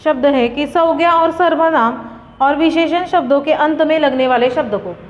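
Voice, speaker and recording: A high-voiced woman slowly leads a classroom grammar lesson, repeating each example word as she explains it. The recording is dull and muffled, with a long reverb trailing her words.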